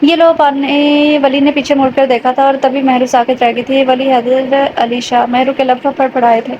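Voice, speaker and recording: A woman's voice: high voice, little pitch movement, a little mellow. A woman narrating a romance audio novel, reading every character's lines in her own voice. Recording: dull lo-fi recording with faint noise.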